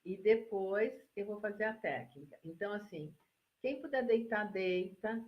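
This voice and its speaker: A Brazilian woman who works as a psychologist, giving a live-stream relaxation lesson and talking listeners through slow breathing in a soothing way. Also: medium pitch, dull audio. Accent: Brazilian Portuguese. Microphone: phone or laptop mic for a live stream.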